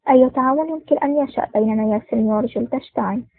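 A woman reading the lines of a stern, contemptuous male mafia boss in a storybook, in a calm, measured way. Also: on the high side, no echo. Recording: tinny phone-like dry recording.

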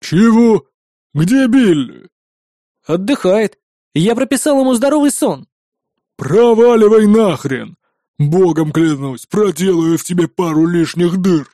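A man doing a hissing bass-voiced thug. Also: very animated, mellow, no room sound, clean studio sound, heavily acted. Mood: menacing. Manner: hissing, menacing, slow. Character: hostile male thug behind a door, bass voice.

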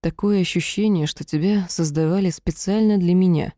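Woman reading gentle male elf healer, soft, affectionate, audiobook, low mellow voice. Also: moderate pace, no echo, studio quality, close to an everyday voice. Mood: tender.

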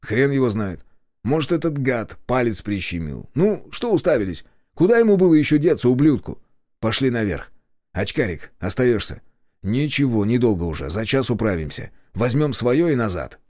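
A man's voice: medium pitch, sing-song, moderate pace, a little mellow, no room sound, studio quality, close to an everyday voice. A man voicing a coarse, hot-tempered grown man who barks orders in an audiobook. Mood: scornful. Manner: gruff, coarse, barking orders. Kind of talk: audiobook character voice.

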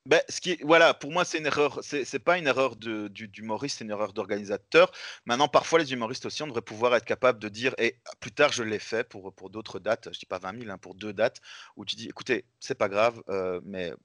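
A male comedian in his forties tells anecdotes as an interview guest and slips into acted-out dialogue. His mid-pitched voice sounds dry and close, with no echo. He talks casually and lively. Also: fast. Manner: animated storyteller, acts out dialogue.

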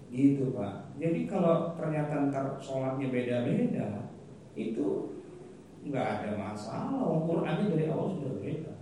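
A man's voice: mid-range voice, mellow, a little hiss or hum. A man giving a casual, humorous religious lecture, acting out the voices in his stories. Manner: chatty and humorous, acts out quoted voices, frequent "gitu kan" tags. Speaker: Islamic teacher giving a weekly study talk. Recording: echoey hall from far off.

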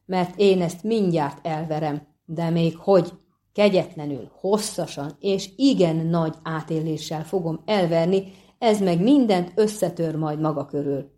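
A woman's voice: fairly low pitch, dark tone, close to an everyday voice. A woman voicing a stout, hot-tempered male halfling who bellows and blusters. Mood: blustering.

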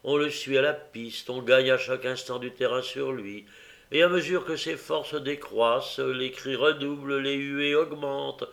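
Gravelly man narrating a novel dramatically. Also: mid-range voice, measured pace. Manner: dramatic, expressive. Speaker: audiobook reader. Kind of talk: audiobook narration.

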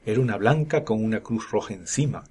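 Grim old carter in an audiobook, read by a man, low and husky. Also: lively intonation, darkish tone. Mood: gloomy. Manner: hoarse, gloomy and slow. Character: gruff old male Scottish cart driver.

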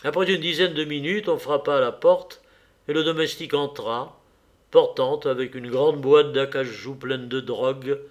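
A man narrating a classic novel in a measured audiobook reading. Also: mid-range voice.

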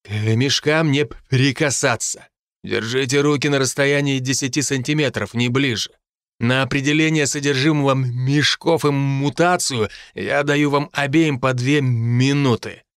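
A stern, exacting professor, as a male audiobook narrator puts him on, stumbling and repeating the first sound of words as he lectures slowly. His voice sits at an ordinary middle pitch and is recorded close and dry, with no room around it. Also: a bit bright, clear, resonant tone, no echo, lightly acted. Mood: instructive. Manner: stutters on consonants. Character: stuttering strict male professor, calm and exacting. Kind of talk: audiobook character voice.

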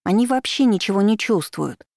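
A woman's voice: mid-range voice, animated, brisk, vocal fry, a little mellow, no room sound, studio quality, voice pushed up. A woman reading an audiobook, voicing an eager, earnest young boy prince.

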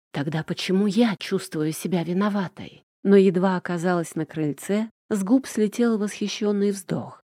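A woman narrating a first-person audiobook in an even, measured storytelling manner. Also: mid-range voice, dry recording, clean studio sound.

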